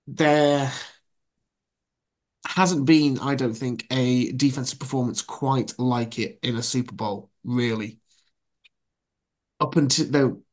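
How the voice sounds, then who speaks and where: A man's voice: mid-range voice, darkish tone. A man hosting a casual sports podcast, laid-back and dry, often chuckling. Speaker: podcast host.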